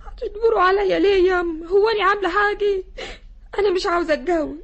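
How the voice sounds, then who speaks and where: A woman's voice: extremely high pitch, very fast, muffled recording. A sobbing young village girl. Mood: tearful pleading. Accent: Egyptian. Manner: pleading, sobbing. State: crying. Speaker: bride-to-be refusing marriage. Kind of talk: 1960s Egyptian radio drama acting.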